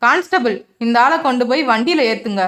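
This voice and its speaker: A woman's voice: on the high side, animated, fairly bright tone. A woman voicing a stern male police inspector who scolds and barks orders. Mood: angry. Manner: scolding, barking orders quickly.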